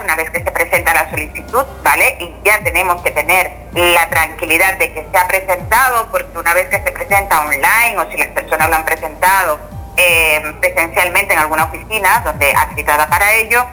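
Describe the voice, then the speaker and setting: An older woman speaks over a phone line with faint noise, her voice bright, forceful and a little hoarse. She explains informally, like a lawyer advising clients, reassuring and often checking that she is followed. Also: lowish voice. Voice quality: slightly hoarse, rough voice. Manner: reassuring, checks in with tag questions. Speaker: immigration lawyer, radio guest. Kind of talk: informal explanatory interview talk. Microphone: telephone.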